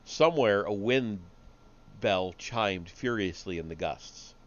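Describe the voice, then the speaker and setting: Man, low voice, live story reading, small stumbles, muffled lo-fi sound. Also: takes it slowly. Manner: steady reading with small slips and restarts. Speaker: streamer reading stories aloud.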